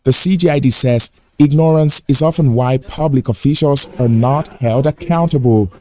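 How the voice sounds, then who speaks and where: Man reading a measured news report. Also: mid-range voice, warm tone, no room sound. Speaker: news correspondent. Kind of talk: scripted news report narration.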